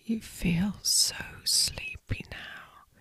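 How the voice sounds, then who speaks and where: A woman narrating a scripted sleep story as a guided meditation, in a breathy, hushed, soothing whisper. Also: a little high, huge pitch swings, drawn-out words, dry recording.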